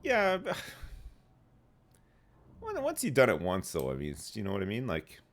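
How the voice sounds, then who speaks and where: Slowly, with huge swings in a fairly low pitch, a man in his thirties answers his chat while streaming a game. His casual gameplay talk is rambling and phlegmy.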